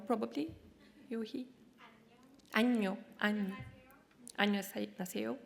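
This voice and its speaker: A woman from Turkey, a native Turkish speaker, giving a formal, polite conference address at a quick clip. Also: medium pitch, creaky. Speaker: program manager speaking at a conference.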